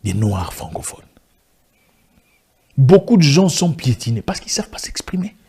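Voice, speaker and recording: An online video commentator whose first language is an African language, not French, speaks to camera in an impassioned monologue with rhetorical questions and frequent restarts. His mid-range voice is very animated and mellow at normal speed, with slight background noise.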